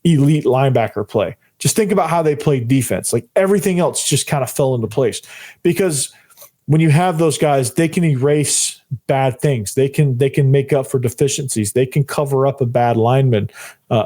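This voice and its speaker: A man hosting a sports podcast with a hoarse, worn-out voice, giving informal football analysis and repeating phrases for emphasis. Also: mid-range voice, moderate pace, warm tone. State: hoarse, voice nearly gone. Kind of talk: solo football analysis commentary.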